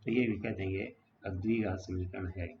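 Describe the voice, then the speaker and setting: Gravelly low-voiced man teaching math. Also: fairly even intonation, moderate pace. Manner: explains step by step, often asking "है ना". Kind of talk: whiteboard math lesson. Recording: dull lo-fi sound with faint background noise.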